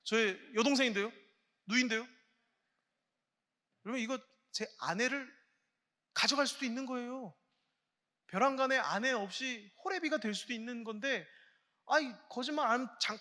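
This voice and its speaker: A man preaching to a congregation in a large church sanctuary, speaking into a pulpit microphone. His voice sits high and sounds bright and sharp. He swings between hushed, almost whispered lines and loud, exclaiming calls, and a long reverb hangs behind every phrase. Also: fairly quick. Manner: earnest and encouraging, speaking directly to the congregation. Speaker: guest pastor preaching. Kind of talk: sermon at a Friday night prayer meeting.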